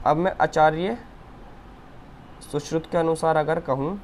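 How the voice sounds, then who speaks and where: Young male tutor, slightly high voice, patient step-by-step whiteboard lecture. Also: steady tone, measured pace, darkish tone, a little hiss or hum. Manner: explains step by step, often checks with "ठीक है". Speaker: Ayurveda teacher.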